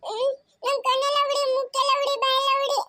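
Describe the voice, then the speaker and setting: A woman's voice: very high-pitched, flat delivery, a little fast, sharp tone, no echo, studio quality. A woman voicing a sick, clingy little girl who whimpers and pleads to be carried, in a family moral drama. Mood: whiny tearful.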